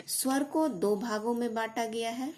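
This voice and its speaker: Slow, deliberate woman teaching grammar. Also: on the high side, a little mellow. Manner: slow, deliberate explanation with repetition; corrects herself mid-sentence. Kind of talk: Hindi grammar lesson.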